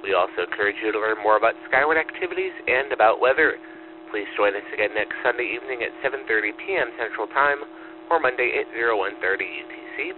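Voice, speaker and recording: A man running a ham radio net, acknowledging check-ins in steady, formal phrasing, heard as a radio transmission with static. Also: mid-range voice, fast. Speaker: net control operator. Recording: tinny radio line with static.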